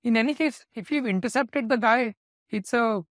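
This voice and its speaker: A man's voice: extremely high pitch, moderate pace, a bit bright, no echo, clean studio sound. A man with an Indian English accent answering business interview questions in an explanatory way, sometimes correcting himself mid-sentence. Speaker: company executive, interview guest.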